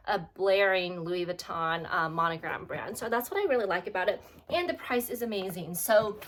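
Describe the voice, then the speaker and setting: A woman's voice: medium pitch, a bit bright. A woman vlogger giving a casual product review, chatty and friendly with many fillers, sounding slightly out of breath.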